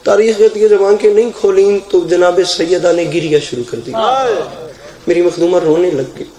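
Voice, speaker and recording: A man's voice: high voice, fairly even intonation, mellow. A man with a Pakistani Urdu accent, preaching a fervent, declamatory majlis sermon from a pulpit microphone at a live gathering, his voice rising into emotional outcries. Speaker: zakir preaching at a mourning gathering. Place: live religious gathering in a hall. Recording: echoey hall over a PA system.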